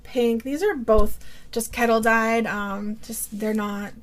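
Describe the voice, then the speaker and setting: Speaking slowly in a fairly high voice with fairly even intonation, this Vermont woman is a yarn dyer hosting her own video podcast. She has a cold and chats in a casual, rambling way, full of fillers and restarts.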